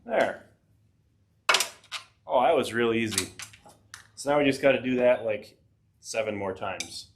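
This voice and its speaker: A man with a mid-range voice hosts a DIY tech channel from his home workshop, talking casually through a repair while battling a head cold. He speaks a little slowly with long pauses, rambling with fillers and dry asides over some background noise.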